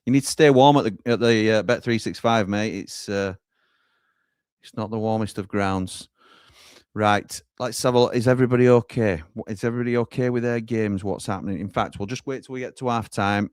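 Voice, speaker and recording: A man's voice: lowish voice, a little fast, a little mellow, clean tone, dry recording, clean studio sound. A man hosting a live football watchalong, reading out viewer comments and handing over to the lads at the grounds. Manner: reads out viewer comments and hands over to reporters. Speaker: watchalong host.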